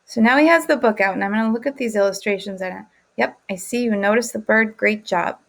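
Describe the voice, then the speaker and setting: With a brisk, gravelly, medium-pitched voice, a female teacher guides children through a picture book, cheering them on and asking questions to draw them in.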